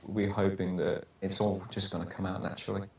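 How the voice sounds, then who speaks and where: A man's voice: low-pitched, level tone, a little fast. A man speaking as an expectant father in a documentary interview, hesitant and full of restarts. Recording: roomy, distant, muffled sound.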